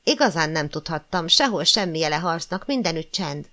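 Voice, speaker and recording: A woman narrating a classic novel as an audiobook, in a measured, expressive storytelling manner. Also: low voice. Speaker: audiobook reader.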